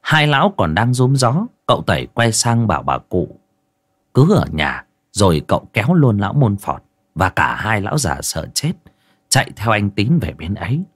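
A man narrating a ghost story in a lively, dramatic way. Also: on the low side, moderate pace, slightly rough, no room sound.

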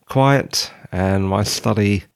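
Slow, croaky British man podcasting. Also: on the low side. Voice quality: croaky, froggy just-woken voice. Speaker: podcast host. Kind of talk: solo podcast monologue, informal. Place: quiet study at home.

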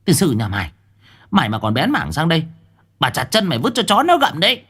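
Brief: man playing older village woman in a storybook, shrill and high, quick to scold. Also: wildly swooping pitch, a bit bright, breathy edge, heavily acted.

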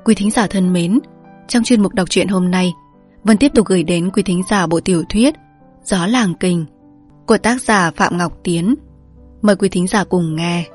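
A woman host reading a novel aloud in measured, polite scripted narration. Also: lowish voice, breathy edge, soft background music. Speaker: audiobook narrator.

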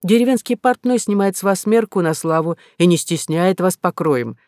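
A man's voice: high voice, animated, moderate pace, darkish tone, dry recording, studio quality. A man reading a novel aloud, voicing a practical, devoted elderly housekeeper with a persuasive, sensible manner. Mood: persuading.

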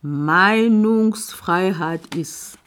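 On a self-made recording, a woman with a low, clear, resonant voice performs her own reflective poems. Her spoken-word delivery is deliberate, with short phrases separated by long pauses.

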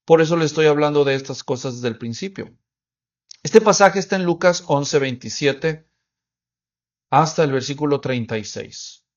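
A man preaching an expository sermon in a fairly high voice. He asks the congregation questions and answers them himself, and acts out little scenes with quoted voices. The recording sounds slightly dull and muffled. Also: animated, normal speed. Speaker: pastor.

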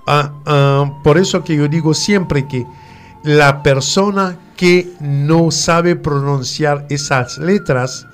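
French-native male teacher, slow and deliberate, fairly high voice, letter-by-letter drills, faint music bed. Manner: slow, repeats letters and words for pronunciation drills. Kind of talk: radio French lesson.

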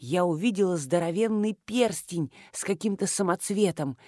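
A woman's voice: on the low side, animated, moderate pace, darkish tone, no echo, clean studio sound. A woman narrating a first-person audiobook with wry, ironic storytelling.

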